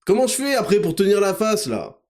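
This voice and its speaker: A man hosting a podcast in a comedic monologue, teasing and mock-angry with sudden shouts. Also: high-pitched, sing-song, fairly quick. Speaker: podcast host.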